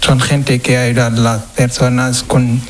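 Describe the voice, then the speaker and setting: A man's voice: mid-range voice, little pitch movement, a little hiss or hum, poor audio. Hesitant young man from Senegal. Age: 20s. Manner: hesitant, halting non-native Spanish. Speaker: interviewee. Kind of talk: street interview.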